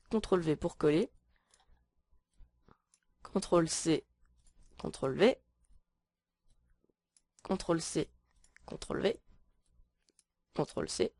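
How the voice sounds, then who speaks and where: Hesitant low-voiced woman explaining software. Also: dry recording, clean studio sound. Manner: hesitant, full of filler sounds and restarts. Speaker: tutorial maker. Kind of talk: casual screen-recording tutorial.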